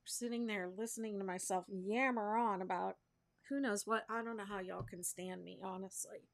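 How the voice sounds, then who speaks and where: Hosting a crochet livestream, a woman rambles casually with her viewers as she crafts, thinking out loud and poking fun at herself. Her voice is gravelly and medium-pitched, with a steady tone and a normal pace.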